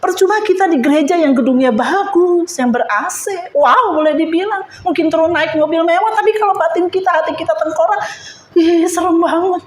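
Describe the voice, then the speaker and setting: A woman's voice: very high voice, fairly quick, roomy sound. A woman giving an emotional church testimony, speaking fervently and addressing the congregation directly.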